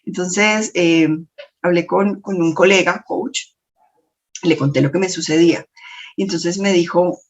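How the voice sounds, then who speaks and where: Expressive woman coach. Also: unhurried, lo-fi sound. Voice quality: slightly shrill voice. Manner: expressive, storytelling with lots of self-talk. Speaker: lecturer and coach. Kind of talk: motivational lesson to camera.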